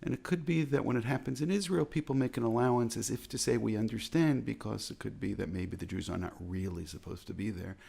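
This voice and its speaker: Speaking as a rabbi, an American man from the United States gives a measured, earnest, reflective talk, repeating phrases to drive his points home. His voice is heavily gravelly with a husky edge, fairly low in pitch and mellow.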